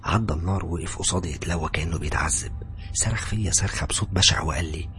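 A man with an Egyptian Arabic accent, dramatically narrating a horror story in a hushed, breathy voice that swells into loud cries. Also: low voice, racing.

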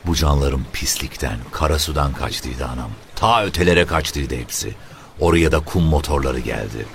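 A man reading a literary story aloud in a deliberate, descriptive way. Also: extremely low pitch, vocal fry, a little hiss or hum. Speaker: narrator.

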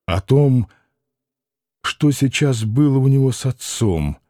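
A man playing a shy, gentle young man. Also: medium pitch, animated, slow, dry recording, clean studio sound. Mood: quiet sad. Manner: quiet, sad, hesitant.

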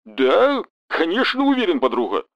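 A man's voice: sits high, wildly swooping pitch, normal speed, creaky, fairly bright tone, no echo, dull audio, pitched above the performer's own voice, heavily acted. A man voicing an easygoing gum-chewing businessman with a southern Russian accent and a hesitant, casual way of talking.

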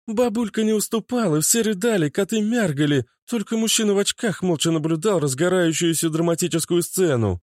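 A man narrating an audiobook with a brisk, expressive delivery. His voice sits fairly high. The recording is dry and close, with no room sound. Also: dry recording. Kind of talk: audiobook reading.

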